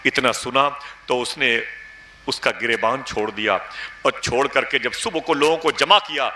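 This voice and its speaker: Sharp-voiced male preacher in an echoey room. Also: mid-range voice. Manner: emotive, dramatic storytelling. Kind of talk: sermon storytelling.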